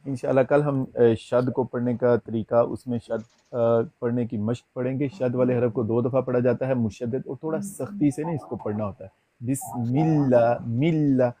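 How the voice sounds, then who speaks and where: A man teaching Quran recitation, reciting each phrase very slowly and clearly for students to repeat, then explaining quickly. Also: mid-range voice, steady tone, dark tone. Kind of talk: patient tajweed lesson, call-and-repeat.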